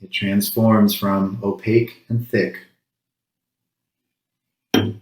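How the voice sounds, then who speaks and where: A man's low voice carries through a large, reverberant space as he guides a congregation through a solemn ritual. Each short phrase is measured and followed by a pause, and his tone stays very flat and level throughout.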